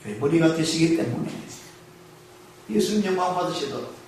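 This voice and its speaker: In a reverberant church sanctuary, a pastor with a high, slightly mellow voice gives an expressive sermon. He works in call-and-response, questioning the congregation and slowing to emphasize key phrases. The mic sits far off.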